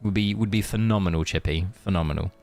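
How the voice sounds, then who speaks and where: Chatting and rambling as he plays on a game livestream, a man reads out viewers' messages and answers them. He has a deep, slightly mellow voice and talks quickly, with soft background music.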